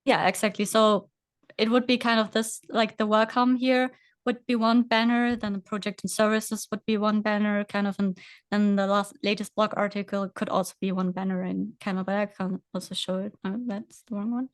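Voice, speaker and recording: Woman demoing software, smooth and hesitant. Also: medium pitch, level tone, moderate pace, no echo. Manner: hesitant, many fillers, talks through on-screen steps. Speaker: guest presenter. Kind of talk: casual screen-share tutorial.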